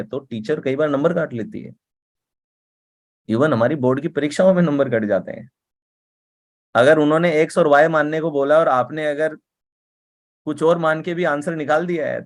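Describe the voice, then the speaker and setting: Man giving a chatty motivational talk. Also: on the high side. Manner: conversational, often asks "ठीक है?" and "right?"; repeats words for rhythm and emphasis.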